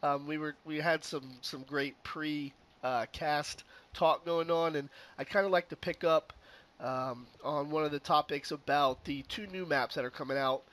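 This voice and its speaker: A man's voice: fairly high pitch, steady tone, moderate pace, fairly bright tone. Man getting over a cold, hosting a podcast. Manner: easygoing and joking, many fillers. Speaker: podcast host. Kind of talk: relaxed podcast chat.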